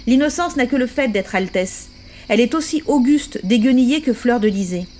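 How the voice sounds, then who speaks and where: A woman's voice: fairly high pitch, expressive, normal speed, darkish tone, close to an everyday voice. A woman reading aloud as a fierce, bitter old revolutionary on his deathbed who speaks in impassioned accusations.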